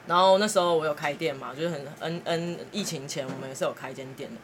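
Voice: medium pitch, fast talker, a little hiss or hum. A podcast host, chatty and laughing now and then while telling a story in a casual way.

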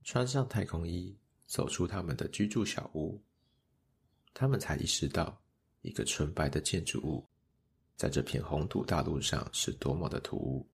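A man narrating a children's story in a gentle, measured way. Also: rumbling low, lively intonation, gravelly, breathy edge.

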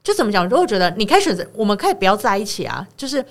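A woman's voice: medium pitch, sing-song, rapid-fire. A woman with a Taiwanese Mandarin accent, co-hosting a podcast and retelling a friend's story in casual, rambling chat. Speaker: podcast co-host.

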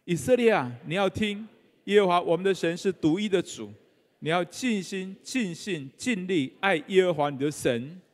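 A man's voice: high-pitched, animated, normal speed. A middle-aged male pastor with a Taiwanese Mandarin accent gives a live sermon in a church, joking and putting questions to the congregation. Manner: humorous, conversational, quizzes the congregation. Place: church sanctuary.

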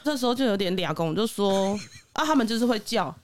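A man with a Taiwanese accent, a regular guest on a casual podcast, telling work stories in a quick, animated way and acting out his customers. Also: high-pitched. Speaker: pet groomer, regular guest.

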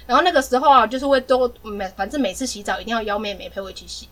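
Young woman podcast co-host, high and rapid, lively casual storyteller. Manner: animated, laughing storyteller.

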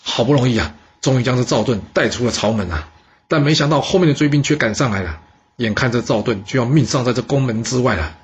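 A man telling a history story in a lively, chatty way. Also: mid-range voice, breathy edge. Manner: lively, chatty, drawn-out particles. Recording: dull lo-fi recording.

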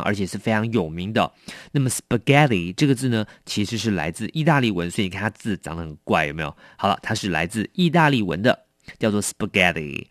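A man's voice: on the low side, no room sound, clean studio sound. A man teaching English vocabulary in a chatty, explanatory way, asking rhetorical questions. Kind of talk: vocabulary lesson explained in Mandarin.

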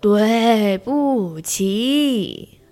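Woman doing a shouting mischievous bear boy. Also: fairly high pitch, expressive, very slow. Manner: shouts his greetings. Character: loud mischievous young male bear.

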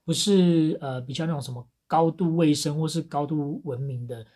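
A woman's voice: low voice, normal speed, dark tone. A woman with a Taiwanese Mandarin accent, hosting a podcast in a casual chat and giving tips to listeners. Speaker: podcast host.

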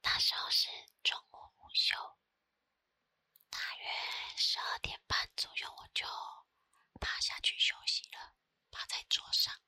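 A woman with a Taiwanese Mandarin accent tells personal stories in a soft, breathy ASMR whisper close to the microphone, unhurried and with pauses. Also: dry recording. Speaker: ASMR creator. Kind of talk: whispered ASMR storytelling, chatty.

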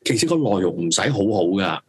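A man's voice: sits low, animated, fast talker, slightly rough. A man with a Hong Kong Cantonese accent hosting a casual, opinionated live stream, emphatic and rambling, circling back over his phrases and swearing freely. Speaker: talk show host.

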